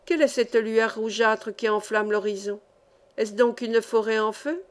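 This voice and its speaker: Nell is a sheltered young girl full of wonder, as a woman reader gives her voice. She asks soft, eager questions in a fairly high voice, in a storybook reading. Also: fairly even intonation, unhurried, close to an everyday voice.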